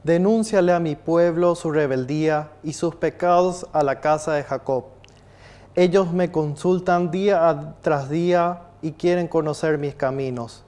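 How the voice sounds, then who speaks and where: A young man reading a scripture passage aloud at a chapel lectern, in a steady, declaiming way. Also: fairly high pitch, clear, resonant tone. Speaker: lector.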